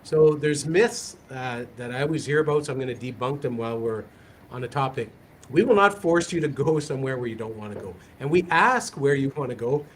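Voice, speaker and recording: A man's voice: mid-range voice, a little hiss or hum. A man hosting a recruiting Q&A as a police recruiter, talking in a direct, upbeat, conversational way. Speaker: police recruiter, session host. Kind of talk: live Q&A session talk.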